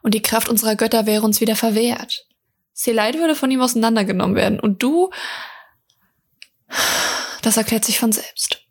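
A woman reading the lines of an imposing, level-headed man in a storybook, firm and explaining, with a breathy voice. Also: fairly high pitch, normal speed, long pauses. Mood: stern.

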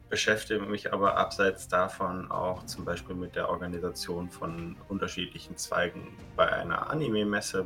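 Man, thirties, from germany, bright tense voice, lowish pitch, rambling host. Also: creaky. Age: 30s. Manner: rambling, restates himself often. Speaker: podcast co-host. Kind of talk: casual podcast chat.

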